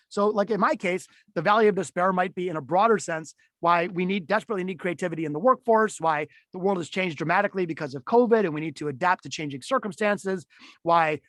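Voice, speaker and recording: Middle-aged male webinar presenter, high-pitched, animated, chatty with restarts, dry close sound. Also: no room sound. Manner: animated, swings voice up and down to demonstrate; conversational with frequent fillers and restarts. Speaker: keynote speaker teaching a webinar. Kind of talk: webinar teaching talk.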